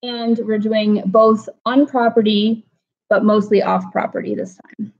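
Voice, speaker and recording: A woman talks casually to her livestream audience from home, greeting chatters by name. Her pitch sits in a middle range. The audio is dull and lo-fi, like a home stream. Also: steady tone, measured pace. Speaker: livestream host.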